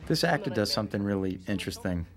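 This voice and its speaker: A man's voice: on the low side, animated, quick pace, over music. A man explaining scenes casually in a film commentary, speaking as one of the filmmakers.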